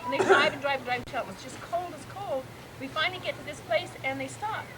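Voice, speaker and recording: A woman's voice: high voice, quick pace, poor audio. A woman telling a funny story at a campfire gathering outdoors, laughing as she goes. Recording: loud noise and crowd behind. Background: crowd and outdoor noise.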